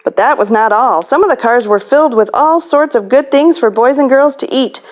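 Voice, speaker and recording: Lady librarian doing storytime, highish voice, reading a kids book out loud. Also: moderate pace. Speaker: children's librarian, storytime host. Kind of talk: children's storybook read-aloud.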